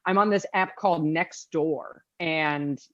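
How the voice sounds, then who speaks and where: A woman's voice: low voice, a little slow, fairly bright tone, dry recording. Woman, dry sardonic humor, casual podcast chat, slightly muffled lo-fi sound. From United States. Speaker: podcast co-host.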